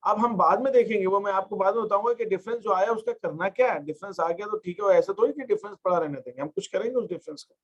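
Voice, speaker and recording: In this lo-fi classroom lecture, a man with a high-sitting voice teaches accountancy step by step, mixing in English terms. He dictates terms slowly as he writes.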